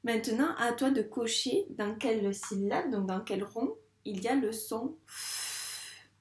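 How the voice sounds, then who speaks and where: A primary school teacher with a slightly high voice gives a slow, patient video lesson to a young child, drawing words out syllable by syllable. The room sounds echoey.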